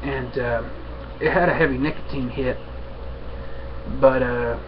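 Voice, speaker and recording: Young adult man, casual rambling chat, halting delivery, muffled webcam audio, faint background noise. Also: medium pitch, fairly even intonation. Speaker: vlogger, pipe smoker. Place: small room at home, indoors.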